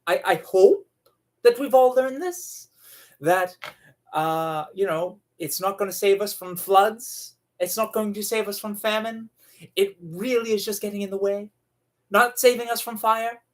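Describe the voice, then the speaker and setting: A man hosting a tarot video, delivering a dramatic, sarcastic monologue that swings between loud declarations and hushed asides. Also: high voice, measured pace. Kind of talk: theatrical monologue to camera.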